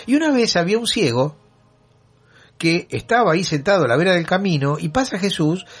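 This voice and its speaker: A man's voice: high-pitched, animated, a little fast, fairly bright tone, husky. A man with a Rioplatense accent, hosting a show and telling a story straight to his listeners, often asking them rhetorical questions. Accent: Rioplatense Spanish. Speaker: show host. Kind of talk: storytelling talk to an audience.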